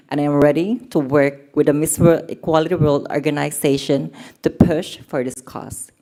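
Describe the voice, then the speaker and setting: A woman's voice: sits low, mellow. A woman pageant contestant giving an earnest, advocating stage speech.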